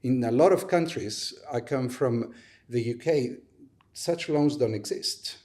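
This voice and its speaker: A man at a middle pitch explains his startup's business model as a podcast guest. He talks methodically and builds each point on everyday buying examples. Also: unhurried, darkish tone.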